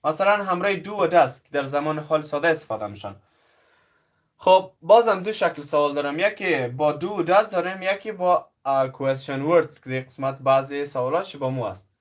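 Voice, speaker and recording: A man leads an English lesson in a plain teaching voice. He explains the grammar in his own language, then reads each English example slowly and repeats it. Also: a little high. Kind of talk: bilingual classroom lesson.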